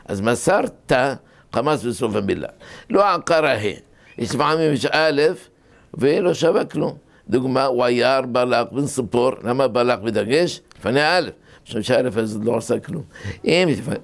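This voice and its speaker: A rabbi teaches a Torah class, walking through ideas step by step, posing questions and answering them himself, and sharing anecdotes. His delivery is animated with some vocal fry, and his pitch leaps upward whenever he emphasizes a point.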